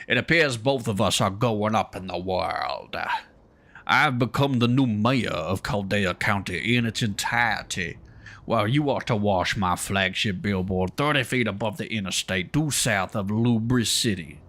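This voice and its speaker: A man's voice: mid-range voice, normal speed, hardly any pauses, a bit bright, slightly rough. A man voicing a pompous male mayor, reading game dialogue in a put-on southern drawl.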